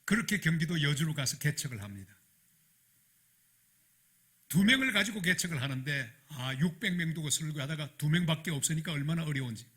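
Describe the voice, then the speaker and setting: A middle-aged male pastor, preaching a sermon in an animated storytelling manner that rises to loud emphasis. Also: on the high side, slightly rough.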